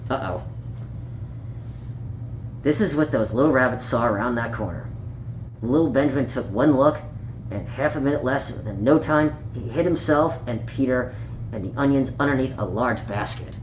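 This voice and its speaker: A man reads a children's picture book aloud, playful and child-directed, tossing asides to his young listeners along the way. His voice is mid-range at a moderate pace with long pauses, in a roomy home recording with faint noise.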